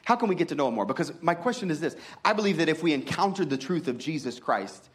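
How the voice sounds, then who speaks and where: A pastor preaching to his congregation in a fairly high voice. He talks with emphasis and keeps asking rhetorical questions. His pitch climbs high and then drops low and quiet. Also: big pitch swings, fast. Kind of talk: sermon.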